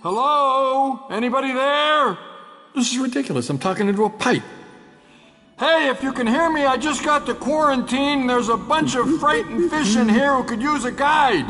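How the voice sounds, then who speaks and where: A small fish calling through a pipe. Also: male voice, very high-pitched, animated, normal speed, pushed and bright, full character voice. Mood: exasperated. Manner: exasperated, calling out. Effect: voice echoing through a pipe. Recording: long reverb with game music.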